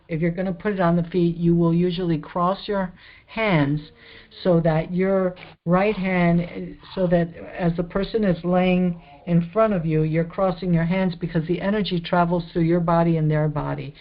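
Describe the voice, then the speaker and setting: A woman's voice: lowish voice, fairly even intonation, moderate pace, lo-fi sound. A woman teaching about healing in a casual, rambling, explanatory way with many fillers.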